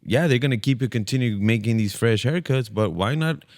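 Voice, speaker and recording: A man's voice: mid-range voice, animated, brisk, darkish tone. A man in his thirties in casual podcast chat, giving earnest advice. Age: 30s. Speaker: podcast co-host.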